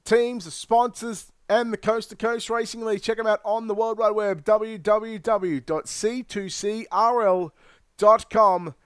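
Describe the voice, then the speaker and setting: A man's voice: sits high, steady tone, a little slow, clean tone, no echo, studio quality. A man with an Australian accent hosting a sim racing broadcast. He interviews drivers and signs off in an upbeat announcer style. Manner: upbeat announcer, punchy sign-off phrasing. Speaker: race broadcast host.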